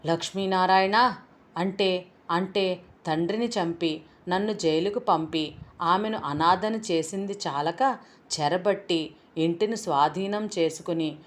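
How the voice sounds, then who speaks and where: A woman's voice: on the low side, natural voice. A woman reading the lines of a vengeful, grief-stricken young man in a novel, with anguished, vehement delivery.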